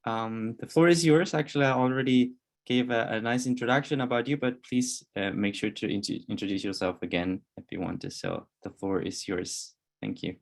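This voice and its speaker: A man's voice: mid-range voice, fairly even intonation, normal speed. A man moderating a panel webinar in an upbeat tone, giving effusive thanks and handing over the floor.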